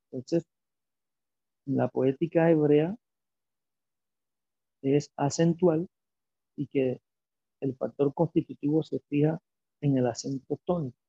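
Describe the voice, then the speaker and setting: A man teaching a lecture, speaking slowly and deliberately and asking himself rhetorical questions as he explains. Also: fairly high pitch, steady tone, gravelly, warm tone, husky, no echo. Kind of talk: lecture on biblical poetry. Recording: dull lo-fi recording.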